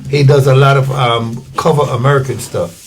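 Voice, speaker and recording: An older man with a Jamaican accent, a guest singer telling his story in a relaxed, rambling way in an interview. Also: mid-range voice, moderate pace. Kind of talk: casual interview.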